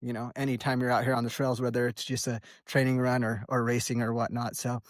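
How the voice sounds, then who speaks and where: This trail-running vlogger, an American man in his early forties, talks fast in a level, mid-range voice, recorded dry at studio quality. While running outdoors he rambles casually in a relaxed, slangy way.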